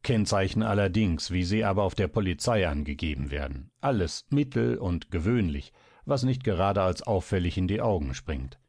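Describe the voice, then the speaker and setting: Ein Mann spricht einen mürrischen, ungeduldigen älteren Doktor in einem Hörbuch, mit tiefer, brummender Stimme. Trocken und nah aufgenommen. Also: male voice, deep voice, animated, moderate pace, darkish tone, no echo, studio quality. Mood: grumbling. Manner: grumbling, impatient. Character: gruff, irritable older male doctor.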